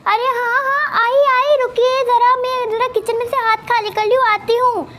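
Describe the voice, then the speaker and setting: A woman's voice: little pitch movement, normal speed, a bit bright. A woman voicing a fed-up young wife and mother who protests and argues back in a game role-play. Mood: hurried. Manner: defensive, protesting, high-strung.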